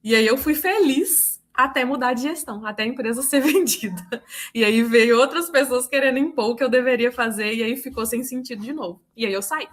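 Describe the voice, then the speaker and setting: Uma mulher com sotaque mineiro que conta casos do trabalho numa chamada de vídeo, imitando as falas dos outros com animação. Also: female voice, on the high side, a little fast. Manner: animated, quotes herself and others. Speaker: book club participant. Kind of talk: casual storytelling in a video call. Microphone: video call.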